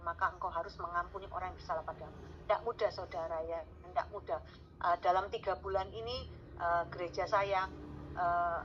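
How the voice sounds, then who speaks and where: A woman's voice: fairly bright tone, lo-fi sound, a little hiss or hum. A woman giving a conversational sermon testimony over a video call, addressing her listeners directly and acting out the voices she quotes. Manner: conversational, fillers of gitu ya, addresses listeners as saudara; acts out quoted voices with sharply raised pitch.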